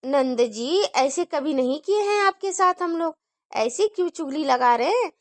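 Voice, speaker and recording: A woman's voice: high-pitched, expressive, a little slow, no echo. A woman voicing a chatty, earnest young daughter-in-law in a cartoon story.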